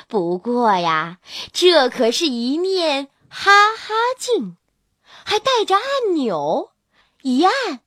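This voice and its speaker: A woman storyteller reading a children's storybook in an animated, sing-song, expressive way. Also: high voice, no echo, clean studio sound.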